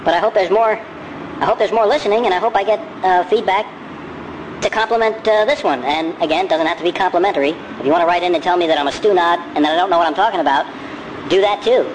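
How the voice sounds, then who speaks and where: A man's voice: high-pitched, fast. Guy hosting a podcast w a sped up chipmunk voice, rambly, keeps fixing his words, noisy traffic behind. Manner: rambling, self-correcting. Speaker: podcast host. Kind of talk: casual podcast monologue.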